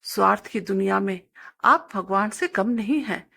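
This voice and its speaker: Woman doing a meek young village son, soft and yielding, slightly raised, gravelly edge, storybook. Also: medium pitch, moderate pace, heavily acted. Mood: pleading.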